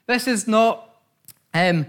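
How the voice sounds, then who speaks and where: A man preaching a sermon from the front of his church. His voice sits a little high. He speaks earnestly, doubles back on his words and fills pauses with soft fillers. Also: clean tone. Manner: earnest, repeats phrases, frequent fillers. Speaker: pastor.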